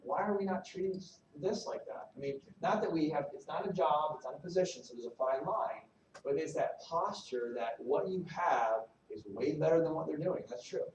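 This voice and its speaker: A man giving a live recruiting training talk to his team, animated and salesy, joking with the audience. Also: on the high side, normal speed, a little hiss or hum. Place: meeting room at a regional event. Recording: echoey room from a distance, faint ambience.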